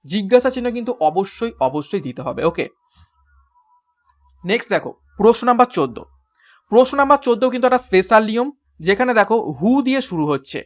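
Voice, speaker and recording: An English teacher with a mid-range, animated voice gives an exam-prep grammar lesson at a quick pace, explaining each step and answering their own questions along the way. They spell words out letter by letter, and the recording has its highs cut off.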